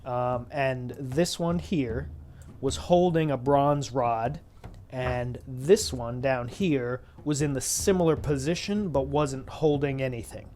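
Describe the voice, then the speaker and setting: A man serving as dungeon master, walking his players through a room with frequent restarts and small self-corrections. His voice sits at a middle pitch, with a faint hiss of noise behind it. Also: a little mellow. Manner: halting, restarts and corrects himself. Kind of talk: narrating a tabletop game.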